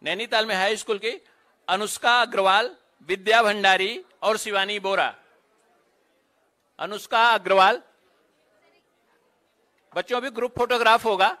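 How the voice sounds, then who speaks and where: A man announcing students' names one by one at an award ceremony, with brief instructions to the children between names. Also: high-pitched. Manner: steady roll-call of names, brisk stage directions. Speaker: event announcer.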